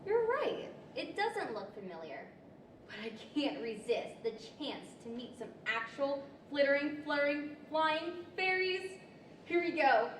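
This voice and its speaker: A woman's voice: high-pitched, big pitch swings, unhurried. A young woman playing Alice, a polite, curious, eager storybook girl, in earnest, old-fashioned radio-play style. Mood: musing, curious. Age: young adult. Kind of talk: 1940s radio-style stage acting. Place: library event room, indoors, live stage. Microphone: stand microphone. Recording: roomy hall with faint noise.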